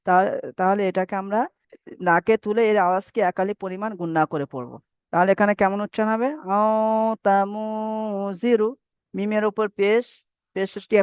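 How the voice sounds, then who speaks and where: In an online tajweed lesson, a man with a high, smooth voice patiently and repetitively teaches Quran recitation rules, having students recite after him. The sound is dry with no echo, from a dull lo-fi mic.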